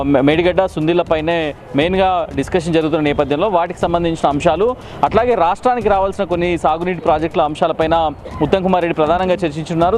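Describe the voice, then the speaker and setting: A man's voice: high voice, a little mellow, slight background noise. A man, reporting live from the field for a news channel, talking off the cuff with hesitations and English words mixed in.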